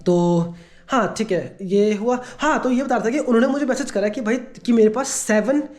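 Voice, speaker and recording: Mellow-voiced man rambling in a vlog. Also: very high-pitched, normal speed, faint music behind. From India. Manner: rambling, with a habitual filler phrase. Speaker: vlogger. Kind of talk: casual vlog chat.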